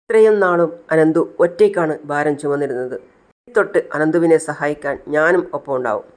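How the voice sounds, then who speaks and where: A confident young bride answers her rivals with a defiant, speech-like firmness, as a man puts her on. Her voice sits fairly high, in the style of a retold family serial. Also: brisk, natural voice.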